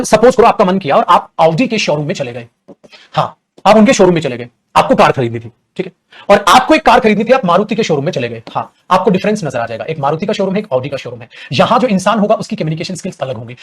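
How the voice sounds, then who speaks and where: A man with an Indian accent teaching spoken English in a lively classroom lecture that switches between Hindi and English and acts out examples. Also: high-pitched, slightly rough. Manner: animated, acts out examples, addresses students as dear and beta.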